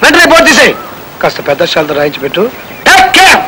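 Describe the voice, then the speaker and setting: A man's voice: high-pitched, huge pitch swings, fast, heavy background noise. An actor playing a blustering, boastful man who rants, scolds and makes mock-tough threats in a comic film. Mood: ranting.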